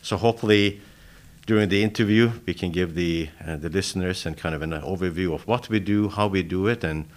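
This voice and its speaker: A man with a very deep voice answers interview questions. He explains things in a steady, measured way. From Norway. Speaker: college vice president, interview guest.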